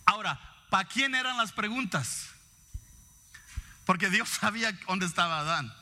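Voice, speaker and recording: A man's voice: sits high, expressive, normal speed, sharp tone. A man preaching a sermon, reading scripture and reflecting on it, often asking the congregation questions.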